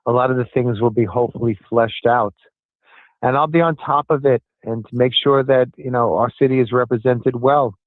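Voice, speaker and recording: Phone-in guest: older man heard over a thin, tinny cell phone line, dry and close, earnest and emphatic, repeating his points, mid-pitched. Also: fairly even intonation, normal speed, no room sound. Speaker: city commissioner calling in as a guest. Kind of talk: phone-in interview answers.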